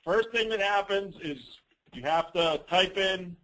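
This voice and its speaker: This man's high voice comes across a little slow as he turns a business training call into a casual, meandering software demo. He teases and pokes fun at himself along the way, and the recording is rough.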